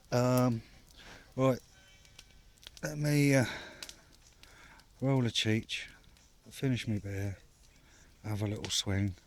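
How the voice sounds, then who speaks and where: A man's voice: medium pitch, gravelly, slight background noise. A man vlogging from his hammock at a night camp, chatting casually with lots of fillers and banter. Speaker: bushcraft vlogger. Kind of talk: casual outdoor vlog chat.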